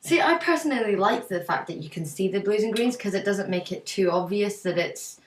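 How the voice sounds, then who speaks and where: A woman's voice: medium pitch, lively intonation, brisk, slight background noise. Hesitant woman in an echoey room. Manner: hesitant, lots of ums and likes. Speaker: co-host. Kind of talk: casual photo critique. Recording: roomy, mic at a distance.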